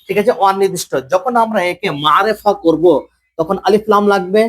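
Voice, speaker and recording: High-voiced man teaching Arabic grammar. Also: steady tone, a bit bright. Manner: slow, drawn-out pronunciation of examples; repeats points and tells students to listen. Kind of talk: classroom grammar lecture.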